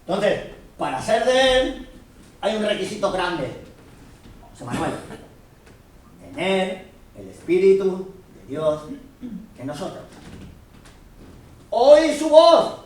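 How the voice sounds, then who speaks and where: A man, teaching the Bible to a gathered congregation. His voice sits high for a man, and he keeps stopping to check that everyone follows. He is picked up from a distance in a very echoey room. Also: lively intonation, takes it slowly, pauses often, a little hiss or hum. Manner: earnest teaching, checks the listeners often understand.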